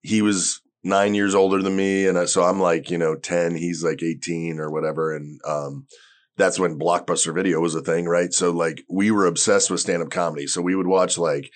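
A man's voice: sits low, fairly even intonation, moderate pace. A man in his forties, a stand-up comedian, chatting loosely and rambling with casual swearing. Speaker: stand-up comedian, podcast guest. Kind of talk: casual chat.

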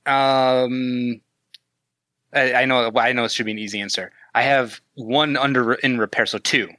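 A man's voice: medium pitch, steady tone, unhurried, pushed and bright, dry recording. A Canadian man talking as a guest on a podcast, joking and chatty, often restarting his sentences. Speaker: guest, maker of 3D-printed retro decor. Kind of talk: casual podcast chat.

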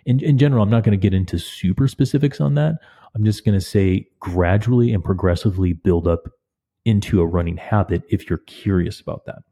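A man hosting a training podcast, speaking into a studio mic with a husky, crackly voice from a cold. His tone is low and mellow, and he gives advice in a measured way with the odd filler. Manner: measured, advisory, with some fillers. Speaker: podcast host and cycling coach. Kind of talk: podcast monologue answering listener questions.

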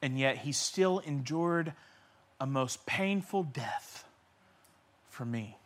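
With a mid-range, expressive voice and a slow pace, a male pastor preaches a passionate sermon. He swings from loud cries to hushed near-whispers and repeats key phrases for emphasis.

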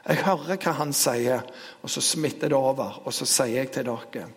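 A man preaching a sermon, retelling a story with lively storytelling. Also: medium pitch, breathy edge. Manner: storytelling, grows animated and loud in the retelling. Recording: long hall reverb.

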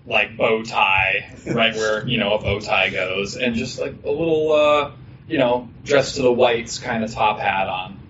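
A man's voice: lowish voice, a little slow, a bit bright, lo-fi sound, a little hiss or hum. A man playing a tabletop game, joking and rambling. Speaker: player.

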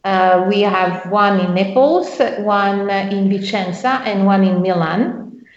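Interviewed about her role as a bank's culture director, a woman answers hesitantly, often pausing to search for words. She has a mid-range voice, and the lo-fi recording sounds roomy and dull.

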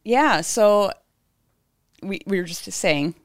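A woman's voice: medium pitch, lively intonation, slow, no room sound, studio quality. A woman who hosts an interview show and encourages her guest with short prompts and follow-up questions. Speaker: podcast host. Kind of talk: interview host. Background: music in the intro.

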